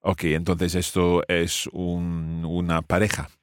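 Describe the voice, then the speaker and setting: A man's voice: sits low, monotone, takes it slowly, clear, resonant tone, no room sound, studio quality. A man teaching family words in English, explaining patiently and repeating each word for his student. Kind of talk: language lesson dialogue.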